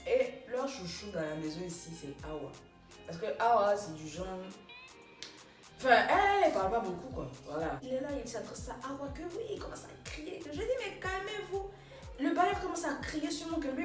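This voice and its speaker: A young woman tells a casual storytime to her viewers, animated and exclamatory, with her voice leaping higher when she replays an argument. She sits back from the microphone in a roomy space, and soft music plays underneath. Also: recorded from a distance. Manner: rising sharply when retelling quarrels. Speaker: vlogger. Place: small room indoors. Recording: roomy, from off-mic.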